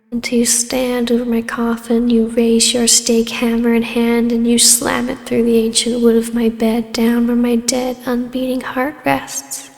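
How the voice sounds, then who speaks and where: A woman gives voice to an imperious vampire baroness, once an ancient huntress and now a regal ruler, in a scripted ASMR fantasy roleplay. Fairly high and tightly controlled, her taunting delivery is slow, hushed and breathy, drifting into whispers, with a completely dry sound.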